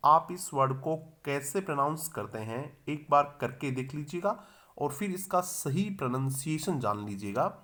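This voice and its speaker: A man teaching English pronunciation in a video lesson. He spells words letter by letter, sounds them out slowly and repeats them, and asks the viewer questions that he then answers himself. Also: a little high, animated, fairly bright tone.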